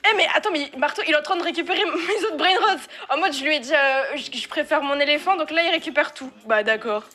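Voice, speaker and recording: A woman hosting and playing in a casual gaming video, talking in animated, teasing slang. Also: sits high, fast talker. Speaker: gaming video host and player. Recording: music behind the voice.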